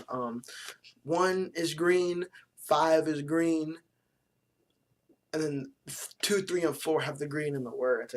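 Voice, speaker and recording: A man casually reviewing new basketball jerseys in a vlog, with blunt opinions, plenty of swearing and loose slang. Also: a little high. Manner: blunt, profane, joking opinions; relaxed slangy talk. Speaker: sports vlogger.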